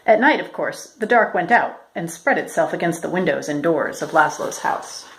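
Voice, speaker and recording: A woman reading a children's picture book aloud as a storyteller, in a measured, expressive way. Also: lowish voice, vocal fry, low-quality recording. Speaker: storyteller, educator.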